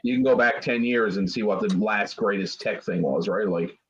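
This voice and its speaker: A man's voice: lowish voice, moderate pace, a bit bright. A man hosting a casual podcast chat, rambling and jumping between tangents. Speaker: host. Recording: dull lo-fi audio with faint noise.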